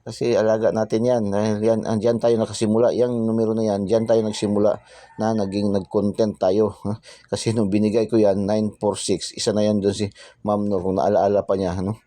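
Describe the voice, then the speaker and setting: Man, very deep, chatty host, keeps saying "ha?", dry sound. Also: little pitch movement, brisk, dark tone, no echo. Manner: chatty, repeats tag phrases and "ha?" constantly; drops into whispers for secret numbers. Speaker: lottery tip channel host. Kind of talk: casual channel talk.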